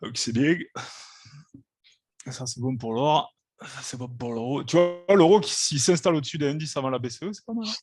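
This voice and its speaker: A man's voice: medium pitch, brisk, pauses often, no room sound, faint music behind. Man hosting a live trading stream, dry sound. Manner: relaxed, explanatory, repeats "hein" and "quoi".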